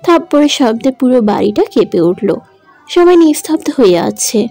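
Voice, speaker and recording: A woman's voice: fairly high pitch, very animated, moderate pace, a little mellow, faint music behind. A woman narrating a romantic audio drama in an emotive, dramatic manner. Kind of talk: scripted story narration.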